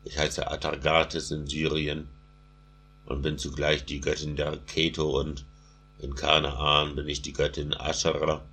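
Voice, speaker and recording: A man voicing a majestic goddess of love in slow, solemn verse. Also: a bass voice, monotone, pushed and bright, breathy edge, full character voice.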